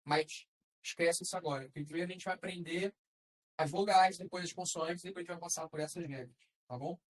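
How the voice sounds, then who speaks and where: A woman's voice: lowish voice, fairly quick, low-quality recording. A woman teaching a class, explaining patiently step by step and checking in with her students. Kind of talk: classroom lesson.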